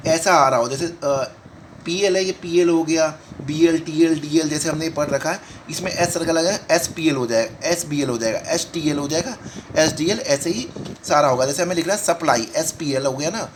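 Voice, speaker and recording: A man teaching shorthand in a step-by-step lesson, repeating each word slowly as he writes it out. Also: fairly high pitch, a little hiss or hum, low-quality recording. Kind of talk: step-by-step lesson talk in Hindi-English mix.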